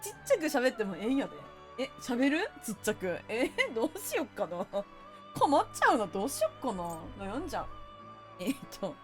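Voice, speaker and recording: A woman's voice: fairly high pitch, huge pitch swings, brisk, soft background music. A young woman with a Kansai accent chatting casually during a game stream, playful and talkative as she reads viewer comments aloud into a close microphone. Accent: Kansai Japanese. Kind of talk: casual live-stream chat while gaming.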